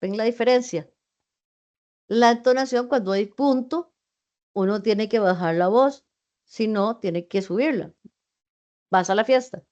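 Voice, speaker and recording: A woman's voice: fairly high pitch, a little slow, long pauses, a little mellow, dull audio. A middle-aged woman lecturing in an online class, explaining in a conversational way with fillers and asides, heard over a video call. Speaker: university teacher.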